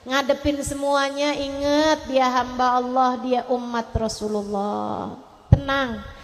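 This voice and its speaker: A woman preacher, giving an emotive sermon that moves between loud pleading and soft tender passages. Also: sits high, fairly even intonation, slow, long reverb tail. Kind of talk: religious sermon.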